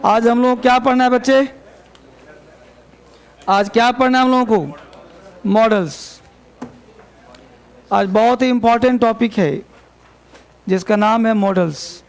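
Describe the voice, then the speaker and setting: A man leads a grammar lesson in a classroom, his voice pitched high with a rough, gravelly texture. He repeats key points, corrects pronunciation and calls the students to order in a fond, chiding way. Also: slow, long pauses. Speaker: English teacher.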